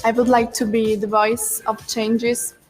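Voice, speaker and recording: A 21-year-old woman from Italy giving a measured, recited self-introduction as a pageant contestant. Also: on the high side, level tone, over music.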